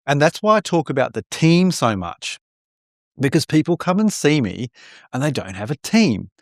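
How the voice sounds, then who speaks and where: A man's voice: on the high side, very animated, normal speed, dry recording. Nz guy guesting on a podcast, rambly and frank, lots of "right?", dead dry mic. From born in India, raised in New Zealand. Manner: candid, rambling, restarts often with frequent "right?". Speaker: podcast guest, mortgage broker. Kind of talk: casual chat.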